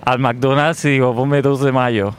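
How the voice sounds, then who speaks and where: A man playing a slow, mock-serious, pompous self-styled francophile being interviewed outdoors. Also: medium pitch, fairly even intonation, clear, resonant tone, natural voice. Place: outdoors in a city square.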